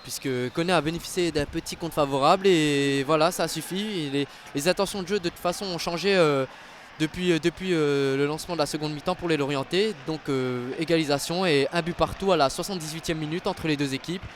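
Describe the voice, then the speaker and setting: High-voiced man commentating live football, sometimes excited. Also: fairly quick, slight background noise.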